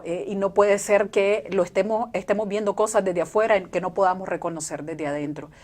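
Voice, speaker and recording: A woman, speaking earnestly and in a measured way as a civil society guest on a TV interview, tucking in little asides. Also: medium pitch, darkish tone. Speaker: civil society organization representative.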